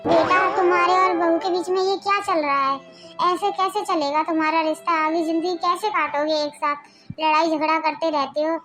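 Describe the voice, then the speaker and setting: A girl with a very high voice plays a concerned parent advising a son about his marriage. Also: fairly even intonation, moderate pace, fairly bright tone, soft background music. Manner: coaxing, advising.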